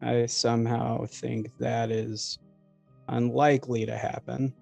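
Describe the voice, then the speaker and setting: A man playing a reserved, formal vampire in a tabletop game, speaking in measured, terse, guarded lines. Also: medium pitch, little pitch movement, creaky, warm tone, faint music behind, heavily acted.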